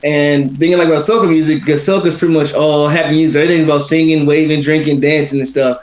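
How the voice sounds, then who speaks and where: A man's voice: fairly high pitch, steady tone, fast. A man chatting casually as a boxer in an interview, rambling and often tagging on "you know". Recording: roomy, dull lo-fi sound.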